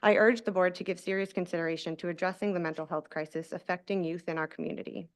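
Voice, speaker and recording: A woman's voice: lowish voice, clear, resonant tone. Woman reading a formal prepared statement. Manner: formal, read-aloud delivery. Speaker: public commenter. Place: school board meeting room.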